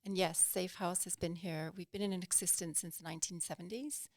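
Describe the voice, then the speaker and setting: A Danish woman, executive director of a nonprofit, appears as a guest on a podcast interview, speaking in a Danish accent with a northern English tinge. She explains plainly in an earnest, measured way with a low-leaning, steady voice. She's in a small podcast studio on a boom-mounted studio mic with headphones, and the sound is dry and clean.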